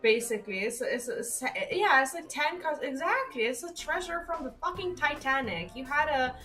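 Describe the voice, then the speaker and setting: A woman's voice: high voice, lively intonation, fairly quick, bright, forceful tone, soft background music, low-quality recording. A woman game streamer chatting casually to her viewers, rambling with lots of "like"s and the odd swear. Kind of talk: casual live-stream chat.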